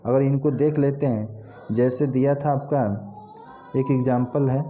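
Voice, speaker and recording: A man teaching a basic grammar lesson, slowly spelling words out letter by letter. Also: medium pitch, steady tone, mellow, faint music behind.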